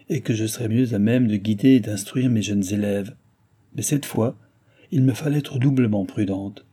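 A man reading a classic novel aloud as an audiobook narrator, in a measured, steady, literary way. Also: mid-range voice, slightly rough.

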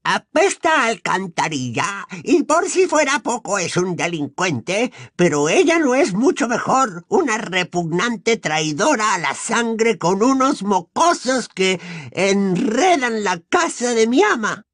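Kreacher, spiteful old house-elf. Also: male voice, sits high, very animated, slow pace, a bit bright, no echo, studio quality, voice pushed up, full character voice. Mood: muttering, spiteful. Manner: mutters spitefully under his breath. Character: bitter old male house-elf, grumbling and servile. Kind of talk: audiobook character voice.

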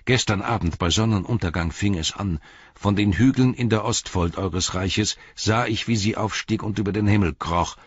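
A man's voice: on the low side, moderate pace, husky, voice pushed up. A man reading the lines of a weary rider reporting grim news urgently, in a dull lo-fi audiobook recording.

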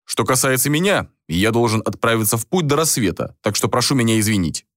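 A weary, proud hero in a storybook reading, curt and formal, close to the reader's own voice but lively in pitch, as a man plays him. The sound is close and dry. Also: brisk, no echo, close to an everyday voice. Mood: polite.

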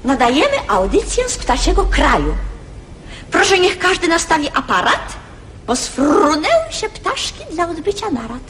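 A woman's voice: very high voice, background noise. A woman reciting a children's poem on radio in a playful, theatrical way, in an archival recording with hall reverb. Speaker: poetry reader.

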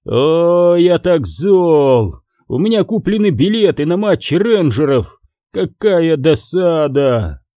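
Storybook villain-ish royal: man voicing a blustering dead elf king, animated and mellow. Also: a little high, unhurried, no room sound, studio quality, pitched above the performer's own voice. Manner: pompous, grumbling.

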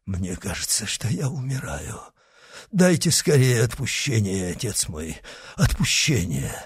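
A man reading aloud voices a dying, guilt-stricken executioner who begs for absolution in a husky, broken voice. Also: deep voice, animated, normal speed, no room sound, clean studio sound, heavily acted. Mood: anguished pleading. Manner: desperate, broken pleading.

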